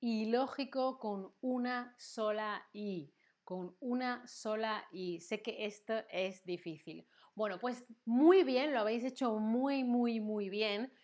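A woman's voice: a little high, slow, darkish tone. A woman teaching grammar in a livestream lesson, patient and repeating words to drill them. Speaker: Spanish teacher.

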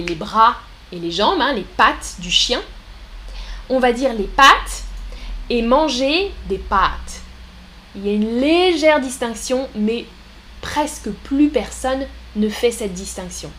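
Slightly high-voiced woman teaching French live. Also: a little hiss or hum. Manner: explanatory, repeats words slowly for learners, addresses chat. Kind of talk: live-streamed language lesson.

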